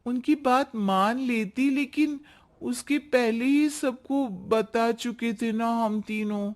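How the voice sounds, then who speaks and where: A woman's voice: on the high side, takes it slowly. A woman voicing a cheerful, hopeful young wife who talks earnestly with her husband in a cartoon story. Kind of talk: cartoon voice acting.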